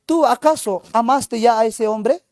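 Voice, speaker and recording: A worried queen mother who comforts and then quiets her daughter in a soft, hushed voice, as a man puts her on. The sound is dry and close. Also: extremely high pitch, a little slow, no echo.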